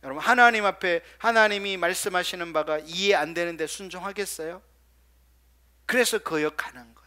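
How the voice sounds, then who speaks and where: Guy pastor preaching, high voice, keeps asking the congregation questions then goes real quiet. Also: fairly quick. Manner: drops suddenly to soft, quiet asides. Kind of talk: sermon.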